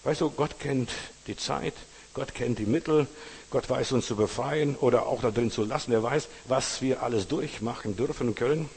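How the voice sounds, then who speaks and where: A man with a gravelly, husky voice preaches in a relaxed, informal way, speaking to his listeners one to one. His words ring out with a long reverb, as in a large church hall. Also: mid-range voice, moderate pace. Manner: informal, addresses listener as du, retells stories with acted quotes. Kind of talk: sermon with parables.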